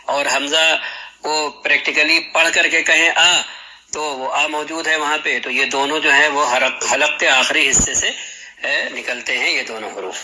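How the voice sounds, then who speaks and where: A man gives a patient spoken lesson on pronouncing letters, stopping to demonstrate each throat sound aloud. His voice is strikingly bright and sharp, pitched a little high for a man. It carries a radio-like broadcast sound. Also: steady tone, slight background noise, low-quality recording. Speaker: Quran recitation teacher. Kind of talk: explanatory lesson on letter articulation.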